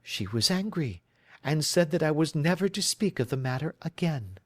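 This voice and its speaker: A man voices an earnest young woman, anxious and devoted to her missing fiancé, raising his voice higher in a pleading, distressed way. His delivery is animated at a moderate pace, recorded with studio quality and no echo.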